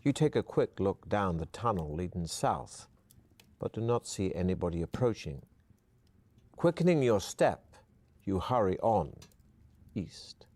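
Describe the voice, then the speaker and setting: A man reading scripted narration for an adventure game in a calm, measured way. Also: low voice.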